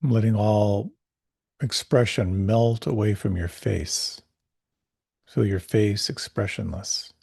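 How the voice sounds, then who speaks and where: A man teaching a guided meditation class, giving gentle, unhurried, soothing instructions with pauses. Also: fairly low pitch, steady tone, gravelly, breathy edge, no echo, studio quality.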